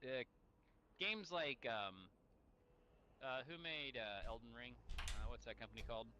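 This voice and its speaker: A man's voice: medium pitch, a little slow, background noise. A man in casual gaming chat, fumbling for words, trailing off and restarting as he searches for what he means. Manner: profane, blunt. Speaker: gamer playing online with a friend.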